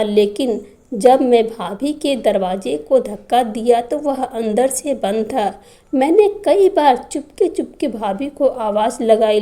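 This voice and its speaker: Slow, high-voiced woman narrating a story. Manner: slow, even reading of a family drama. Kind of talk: first-person scripted story narration.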